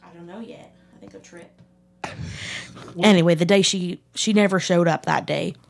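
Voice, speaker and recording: A woman's voice: fairly low pitch, moderate pace, vocal fry. A woman playing a ditzy young Texan lifeguard in an improvised comedy interview, rambling and giggling as she talks. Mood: gossiping. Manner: giggly, rambling, laughs often mid-sentence. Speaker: improv character being interviewed.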